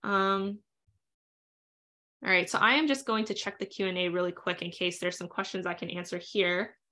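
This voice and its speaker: A woman leading a live online software tutorial, talking fast and chatty with frequent ums and uhs. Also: fairly low pitch, fairly even intonation. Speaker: instructor leading a live webinar.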